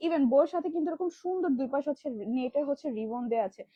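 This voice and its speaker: A Bangladeshi woman runs a live online sale of children's dresses, her high voice racing through expressive, filler-packed patter with a warm tone. The audio is close and dry with no echo, carrying the dull, lo-fi feel of a livestream.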